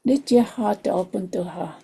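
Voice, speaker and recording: A meditation teacher who isn't a native English speaker guides a slow, soothing meditation. Her soft, gentle voice is medium-pitched and husky, moving in short unhurried phrases that often fall toward a whisper.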